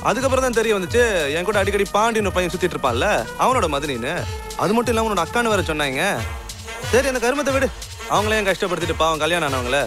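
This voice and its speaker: A man's voice: sits high, lively intonation, fast talker. An actor playing a sleazy, boastful young male blackmailer who leers and threatens. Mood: menacing. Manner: boastful, leering, menacing. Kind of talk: Tamil film drama. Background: film score music.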